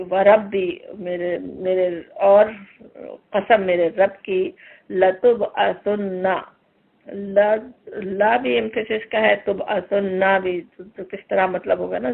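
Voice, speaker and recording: Gravelly voice on a tinny line. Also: mid-range voice. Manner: explains verses word by word, emphatic. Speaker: Quran teacher. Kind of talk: Quran commentary lesson. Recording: tinny phone-like recording.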